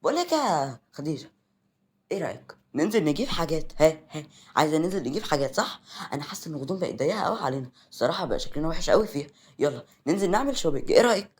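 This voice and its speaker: ممثل يؤدي شابة ماكرة ولحوحة بلهجة مصرية. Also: male voice, fairly high pitch, big pitch swings, very fast. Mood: pushy. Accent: Egyptian. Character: scheming young woman, pushy and sly.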